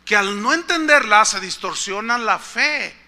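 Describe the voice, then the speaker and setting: A Mexican-accented pastor with a high, very bright, forceful voice. He preaches in a conversational storytelling style and often asks the congregation questions. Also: lively intonation, a little slow. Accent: Mexican Spanish. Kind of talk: storytelling sermon.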